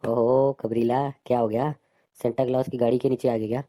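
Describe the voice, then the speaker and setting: Skit role: man playing a nosy doctor, rapid and mellow, set back from the mic. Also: medium pitch, level tone, close to an everyday voice. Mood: curious. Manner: eager prompting questions. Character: curious man doctor listening to a story.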